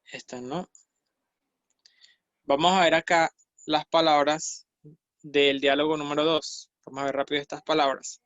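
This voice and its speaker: A man teaching an online language class, slowly modeling sounds and repeating each one several times with patient explanations. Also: a little high, fairly even intonation, fairly bright tone, dry recording, highs cut off. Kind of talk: online class, slow repeated pronunciation drills.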